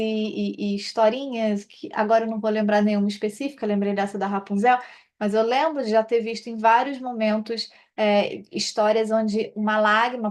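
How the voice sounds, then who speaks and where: Uma mulher com sotaque brasileiro, terapeuta, comentando um livro num tom de conversa, com muitas hesitações e recomeços. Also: female voice, mid-range voice. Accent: Brazilian Portuguese. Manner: hesitant, many fillers and restarts. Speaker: therapist reading and commenting on a book. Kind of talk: informal spoken commentary on a book chapter.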